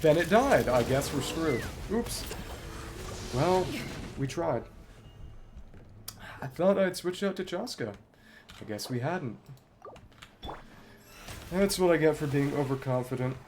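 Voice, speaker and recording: Streaming his gameplay live over game music, a man muses aloud with a wry, understated touch. His voice is a bit high with lively intonation, and he takes it slowly, pausing often, with background noise present.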